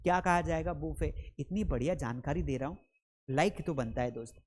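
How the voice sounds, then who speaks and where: A man's voice: a little high, normal speed, breathy edge. A man teaching English pronunciation in a spoken lesson, asking viewers questions and answering himself, drilling each word, calling them friends and kids. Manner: quizzing, asks viewers then answers himself.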